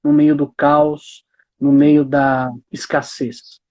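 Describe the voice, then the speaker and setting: A man's voice: on the high side, level tone, slow pace, a little mellow. A man speaking as a guest in a casual conversation on a video call, emphatic and stringing phrases together in rhythm.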